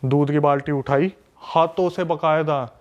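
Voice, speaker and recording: A podcast guest, a man from a city, telling a story in an animated, emphatic way with lots of repetition. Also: fairly high pitch, measured pace. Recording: dull lo-fi recording.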